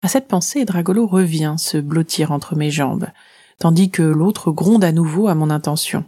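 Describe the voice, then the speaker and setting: A woman narrating a children's adventure in the first person, reading in a lively, expressive way. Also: low-pitched, normal speed, breathy edge. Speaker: storyteller.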